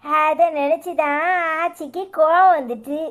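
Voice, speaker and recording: A woman's voice: sits high, measured pace. A woman playing a doting old village grandmother. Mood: coaxing. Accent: Tirunelveli Tamil.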